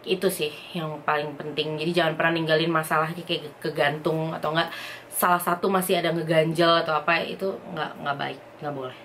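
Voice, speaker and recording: With a low voice and a slight hiss or hum on the recording, a young woman from Indonesia reads viewer questions aloud at home and answers them. As a vlogger, she keeps it lively and chatty, talking in quick bursts.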